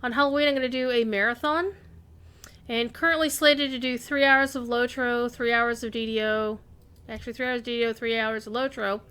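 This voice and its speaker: A woman's voice: fairly high pitch, steady tone, brisk, smooth. A woman game streamer giving casual live commentary, musing and thinking aloud as she plays. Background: soft game music.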